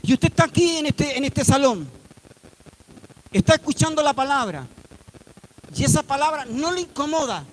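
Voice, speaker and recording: A man's voice: very high voice, expressive, normal speed, long pauses, a little hiss or hum. A man preaching a sermon in a church hall, emphatic and full of rhetorical questions. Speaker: pastor.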